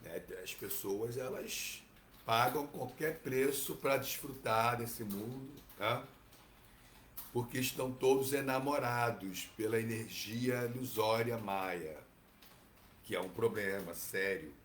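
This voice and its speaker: A man with a Brazilian Portuguese accent teaching from scripture, relaxed and digressive, often adding tag questions. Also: medium pitch, slow, roomy sound, a little hiss or hum. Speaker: Bhagavatam teacher. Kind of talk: reading and commentary on scripture.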